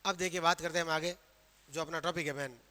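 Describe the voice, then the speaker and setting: A man's voice: a little high, fairly even intonation, fast, pushed and bright. A man with a Rajasthani Hindi accent teaching a grammar class, quizzing students with questions he answers himself. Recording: long reverb of a hall.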